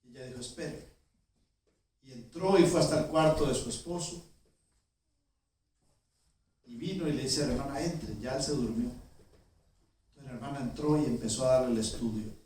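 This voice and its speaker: A male pastor telling a story in a sermon, with vivid storytelling that swings between loud and hushed. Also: medium pitch, quick pace, pauses often. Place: church sanctuary. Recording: echoey church from far off.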